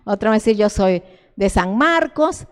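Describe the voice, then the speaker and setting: An older Salvadoran woman with a Salvadoran Spanish accent teaches a church sermon fervently and repetitively, often restarting her words. Her mid-range voice is clean, with lively intonation at normal speed, and a church hall adds long reverb.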